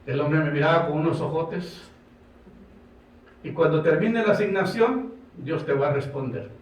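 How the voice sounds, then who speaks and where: A man's voice: on the high side, normal speed. A man from Colombia with a Colombian Spanish accent, preaching a sermon as a pastor with impassioned delivery, acting out dialogue. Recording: echoey room from far off.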